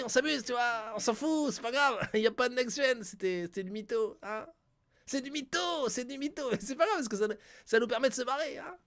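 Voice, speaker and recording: A man's voice: very high-pitched, a bit bright. A man chatting on a live stream, joking and teasing his viewers in a theatrical, mock-grandiose way. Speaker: streamer commenting a live game show. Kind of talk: casual live-stream chat.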